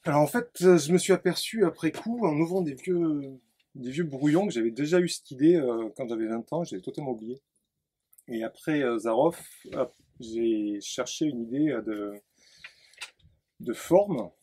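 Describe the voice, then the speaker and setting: A man's voice: mid-range voice, expressive, moderate pace, dark tone, breathy edge. A man, an author, reading his own text aloud and then explaining his work casually at a bookshop event, with many fillers. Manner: reads in a driving, escalating chant, then talks with many fillers.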